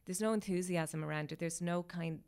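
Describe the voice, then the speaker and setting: A woman from Galway with an Irish accent, hosting a casual podcast chat and pausing to search for words. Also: on the low side, darkish tone, clean tone. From Galway, Ireland. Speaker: podcast host.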